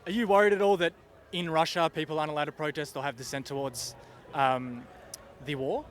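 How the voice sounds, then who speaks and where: A man's voice: a little high, steady tone, fairly quick. A man interviewing people at an outdoor rally, asking probing questions. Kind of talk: street interview.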